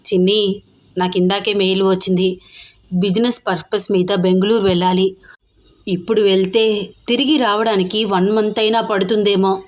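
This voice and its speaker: A woman voicing an earnest young businessman who pleads softly and reassures his fiancée in an audio story. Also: mid-range voice, fairly even intonation, moderate pace, natural voice.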